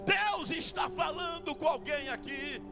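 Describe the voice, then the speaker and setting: A man preaching a fiery sermon as a bishop in a church, with a Brazilian accent, shouting in repetitive refrains and then dropping to a hush. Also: very high voice, a little slow. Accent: Brazilian Portuguese. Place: church sanctuary. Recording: music playing behind the voice.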